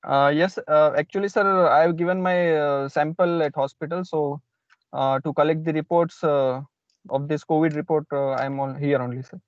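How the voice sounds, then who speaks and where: A man's voice: on the high side, fairly even intonation, normal speed, no echo. A man with an Indian accent introducing himself in an online class as a research student, hesitant and deferential. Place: in a car outside a hospital. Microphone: online call. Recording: dull lo-fi online call audio.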